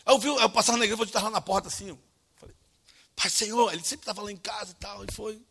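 A man's voice: sits high, fairly even intonation, very fast, gravelly, fairly bright tone, slight background noise. A Brazilian man preaching, telling a personal story with emotion, repeating phrases and calling listeners brother, with a Brazilian accent. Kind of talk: sermon storytelling.

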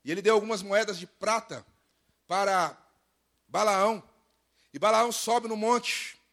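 A Brazilian man in his thirties preaching a lively sermon, mimicking complainers along the way. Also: sits high, measured pace. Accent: Brazilian Portuguese. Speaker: pastor.

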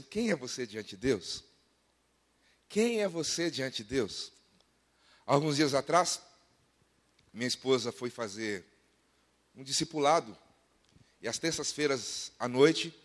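A man in his thirties preaching a sermon, emphatic, slowing down and swelling in volume to drive points home. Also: a little high, a bit bright. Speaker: pastor.

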